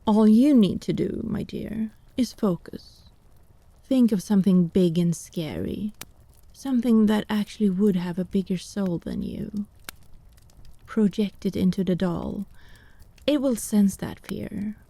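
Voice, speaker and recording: A woman with a medium-pitched, gravelly, mellow voice speaks a little slowly, with no echo. She plays a wry, irreverent witch and healer in a fantasy audio drama, wordy and sardonic, in a dry, playful mood.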